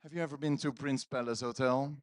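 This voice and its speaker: A man hosts a live conference on stage, joking with and teasing his guest and the crowd through a handheld stage mic. He talks fairly quickly at medium pitch with fairly even intonation, and there is no room sound.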